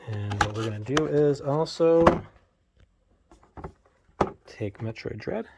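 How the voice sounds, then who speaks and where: Holding his phone camera in one hand, a man in his thirties unboxes collectibles in his home game room, joking at his own expense and filling his talk with fillers. His mid-range voice carries vocal fry, and the background is noisy.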